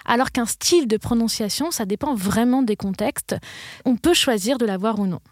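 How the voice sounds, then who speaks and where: A woman hosting and narrating in a clear, explanatory way, asking questions and laying out the facts. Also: fairly high pitch, expressive, normal speed, no echo, studio quality. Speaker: host. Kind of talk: scripted narration.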